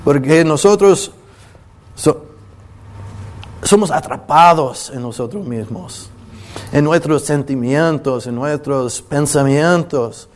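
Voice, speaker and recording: Slow, halting preacher, a man. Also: a little high. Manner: halting, with many restarts and filler sounds; pauses when moved, apologizing to listeners. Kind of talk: emotional sermon to a congregation.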